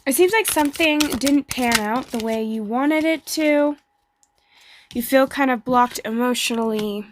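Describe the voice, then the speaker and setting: Sick woman reading tarot, higher-pitched voice. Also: measured pace, slight background noise. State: sick, as with flu, voice may give out. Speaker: tarot card reader. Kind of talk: casual tarot reading to online viewers.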